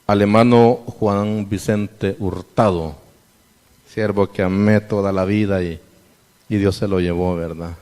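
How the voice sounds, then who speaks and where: A man's voice: fairly low pitch, steady tone, unhurried, darkish tone, clean tone, big-room sound. A man giving a sermon to a church congregation, asking them questions and reading scripture aloud. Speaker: church member addressing the congregation.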